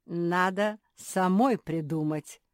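A woman's voice: lowish voice, takes it slowly, dry recording. A woman voicing a sly old male shopkeeper with ingratiating, sing-song sales patter, in an audiobook. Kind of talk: audiobook character voice.

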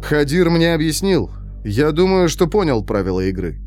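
A man's voice: fairly high pitch, sing-song, normal speed, a little mellow, faint music behind, voice pushed up. A man doing Stone, a tense young prison newcomer. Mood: tense defensive. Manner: tense, defensive.

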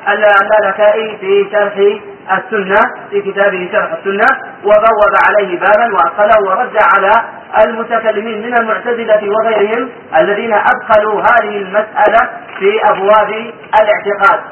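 Male teacher, high voice, hesitant and repetitive, quizzing students mid-lesson; distant, roomy, tinny recording. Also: little pitch movement, slight background noise. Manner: repeats phrases and asks rhetorical questions of the students; hesitant, with frequent drawn-out fillers. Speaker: sheikh teaching a religious text. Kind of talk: classroom lesson explaining a classical text.

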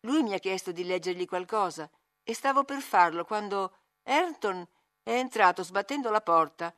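A woman narrating a classic novel as an audiobook reader, measured and expressive. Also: medium pitch.

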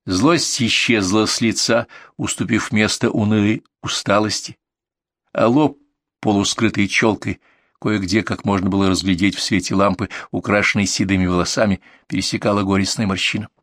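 A man with a low voice reads a first-person story aloud. His delivery is steady and vivid. The sound is dry and close to the mic. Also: moderate pace, dry recording. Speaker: audiobook narrator. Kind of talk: first-person audiobook narration.

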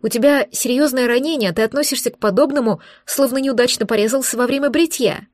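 A woman's voice: high-pitched, fast, a little mellow, dry recording, clean studio sound. A woman voicing a tearful, anxious young princess who pleads and frets, in an audiobook. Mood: tearful, pleading. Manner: pleading, sobbing, flustered. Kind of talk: audiobook dialogue.

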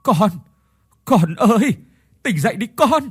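A man's voice: high voice, big pitch swings, slow pace, breathy edge, voice pushed up, full character voice. A man voicing a panicked father in a spoken horror story, stammering with urgency.

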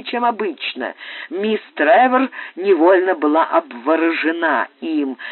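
A man narrating an audiobook in a measured, expressive reading. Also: high-pitched, no room sound. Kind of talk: scripted narration. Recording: dry, phone-like narrow sound.

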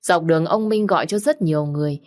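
Low-voiced woman narrating a story. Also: fast, a little mellow.

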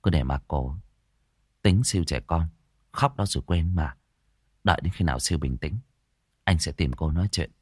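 A man's voice: low-pitched, lively intonation, moderate pace, a little mellow, no echo, studio quality. A man voicing a flustered young man who stammers and hesitates. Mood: dismissive. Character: flustered young man caught between two women.

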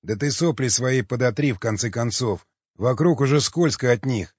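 A man's voice: mid-range voice, moderate pace, husky, no echo, lightly acted. Man reading as a sneery cannibal merc, menacing and sarcastic, muffled lo-fi sound. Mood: menacing mocking. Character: mocking, cold-blooded male cannibal mercenary. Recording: dull lo-fi sound.

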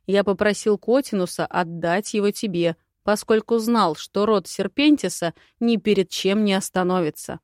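A woman reading an audiobook voices a calm, earnest young dragon prince who speaks with steady persuasion. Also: mid-range voice, moderate pace, few pauses, no room sound, studio quality, close to an everyday voice.

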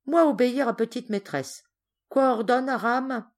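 A woman voicing a devoted adult male servant who talks in slow, clipped, broken French. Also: fairly high pitch, pitched above the performer's own voice, lightly acted. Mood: stubbornly loyal.

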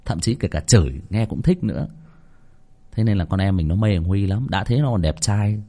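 A man's voice: fairly low pitch, animated, normal speed, dark tone. A man hosting a horror story channel, chatting casually and teasing his listeners in a joking way. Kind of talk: casual outro chat to listeners.

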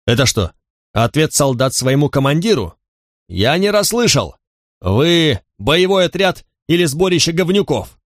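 A man's voice: on the high side, very animated, measured pace, no echo, studio quality. A man voicing a brutal, contemptuous male centurion drill instructor who barks at recruits in an audiobook. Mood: bullying. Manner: barking, contemptuous.

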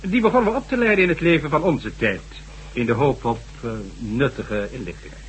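This man, acting in a Dutch radio drama, voices a severe and sarcastic government official, lecturing with formal condescension in a measured, recounting mood. He speaks at medium pitch with lively intonation and a fairly quick pace, lightly acted. The old radio recording is rough, carrying a faint hum and noise.

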